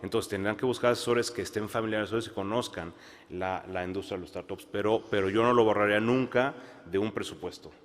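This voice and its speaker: A man talks on a conference panel in a lowish voice, pausing and restarting as he thinks. His voice rings out in a large hall with a long reverb. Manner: measured, many fillers and restarts. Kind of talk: panel discussion.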